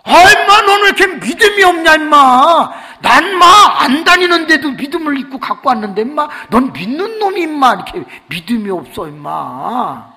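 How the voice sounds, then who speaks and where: A male preacher voicing a loud, brash male friend who teases and scolds in rough slang. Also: on the high side, lively intonation, unhurried, hardly any pauses, exaggerated voice. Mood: scolding. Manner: teasing, shouting, calls him 'inma'. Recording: long church reverb.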